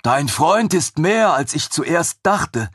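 Guy doing a huge old chained she-beast, high and husky, slow urgent pleading, audiobook. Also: animated, fairly bright tone, no room sound, studio quality, exaggerated voice. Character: huge ancient chained female creature, weary and proud. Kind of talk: audiobook reading.

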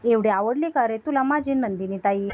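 A woman voicing a hurt, jealous young woman, reading her taunting lines in a slightly high voice. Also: moderate pace, darkish tone, a little hiss or hum, lightly acted. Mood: bitter taunting. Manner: bitter, taunting retelling.

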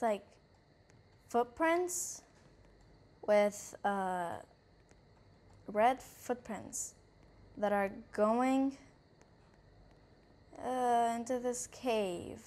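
A woman's voice: on the high side, very slow, pauses often, a little mellow. A woman hosting her own gaming channel, playing a horror game and commenting nervously, saying over and over how scared she is as she describes what she sees. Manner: thinks aloud, narrating what she sees. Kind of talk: let's-play commentary.

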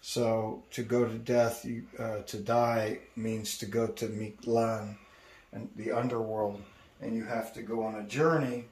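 A man's voice: lowish voice, flat delivery, measured pace, darkish tone. A man in his sixties, an artist showing his studio, telling stories in a rambling way full of fillers. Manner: rambling storyteller, many fillers. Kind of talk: casual guided tour. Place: indoor art studio. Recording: echoey room, distant mic, faint hiss.

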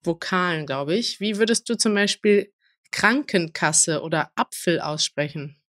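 A woman's voice: lowish voice, unhurried, a bit bright. German woman host, curious, leads with example words. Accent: standard German German. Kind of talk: casual interview.

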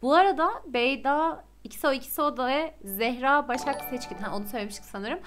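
A young woman streaming a life-sim game, chatting excitedly and gushing to her viewers. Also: high voice, brisk, music in the background. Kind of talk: casual gameplay commentary.

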